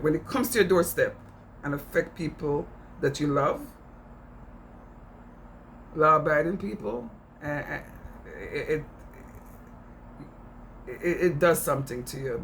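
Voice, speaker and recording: A man's voice: on the high side, measured pace, long pauses, a bit bright, slight background noise. A middle-aged man with a Jamaican accent, giving impassioned, informal commentary in an earnest, emphatic way, repeating phrases for stress. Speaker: speaker on immigration issues.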